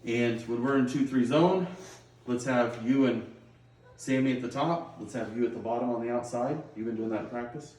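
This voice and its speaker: A middle-aged high school girls' basketball coach gives his team a pregame pep talk in a plain-spoken, instructive way, often checking that the players are following. His voice is at an ordinary male pitch with a darkish tone, and he speaks at normal speed. The distant microphone picks him up in a roomy, echoing space.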